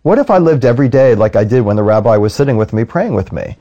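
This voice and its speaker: A man who serves as a rabbi talks in a reflective, conversational way. His voice is warm and mellow, and he sits in the middle range for pitch. He keeps an earnest tone and drops into quoted voices as he tells his stories. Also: very animated, fast, highs cut off.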